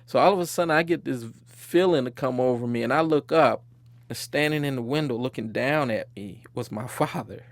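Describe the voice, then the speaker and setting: A man's voice: medium pitch, a little fast, no echo. A man being interviewed, recalling his childhood in a reflective way and chuckling now and then. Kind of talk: personal storytelling interview.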